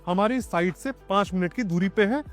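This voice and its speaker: A man's voice: high voice, normal speed, faint music behind. Man hosting an outdoor property tour. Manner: explanatory, addresses viewers as friends. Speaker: property video host. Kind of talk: on-site property tour interview. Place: outdoors at a plot site.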